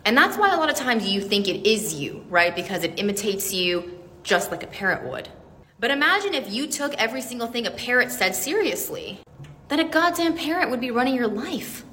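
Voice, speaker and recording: A woman's voice: on the high side, very animated, brisk, pushed and bright. A woman giving an earnest, emphatic motivational talk in a casual way, now and then swearing for emphasis. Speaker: self-help speaker. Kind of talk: motivational monologue to camera. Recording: long reverb, faint background hiss.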